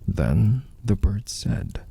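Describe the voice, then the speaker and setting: A man giving a dramatic, brooding recitation of gothic poetry in a gravelly, breathy rasp, drawing out words theatrically. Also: fairly low pitch, lively intonation, drawn-out words, warm tone. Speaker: poetry reader.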